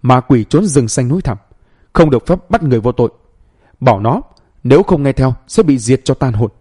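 Male narrator doing an old woman healer, slow and commanding. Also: mid-range voice, lively intonation, mellow, slightly rough. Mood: stern.

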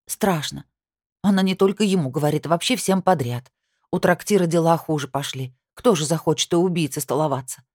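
A woman's voice: sits low, a little fast, darkish tone, dry recording, studio quality. A woman voicing an aggrieved young bride who complains heatedly in an audiobook. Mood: upset. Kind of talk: audiobook character reading.

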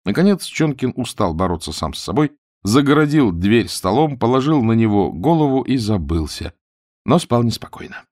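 A man narrating a humorous novel as an audiobook reader, telling it in a lively, expressive way. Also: medium pitch, normal speed, no room sound, clean studio sound.

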